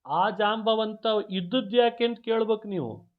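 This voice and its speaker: A man giving a devotional discourse as a lively storyteller, chanting old verses slowly between his explanations. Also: high-pitched. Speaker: religious discourse speaker. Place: discourse hall. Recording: tinny phone-like sound.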